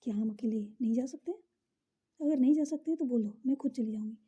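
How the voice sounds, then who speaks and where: A woman voicing a sulky, demanding young wife in a narrated story, in a soft, breathy voice. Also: fairly high pitch, fairly quick.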